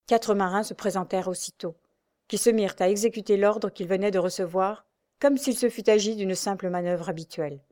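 A woman's voice: mid-range voice, fairly quick, dark tone. Woman narrating an adventure novel. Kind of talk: audiobook reading of an adventure novel.

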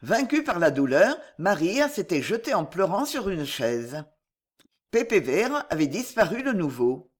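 A reader narrating a novel in an expressive, dramatic way. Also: mid-range voice, measured pace. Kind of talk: audiobook narration.

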